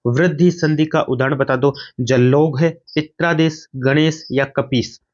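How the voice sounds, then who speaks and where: Fast-drilling exam coach. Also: male voice, on the high side, fairly even intonation, muffled recording. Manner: fast, repetitive question-and-answer drilling, answers his own questions. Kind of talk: rapid quiz-answer online class.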